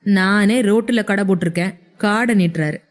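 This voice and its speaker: A woman's voice: mid-range voice, moderate pace, voice pushed down, natural voice. A woman voicing an irritated male street food vendor who grumbles sarcastically in an audio story.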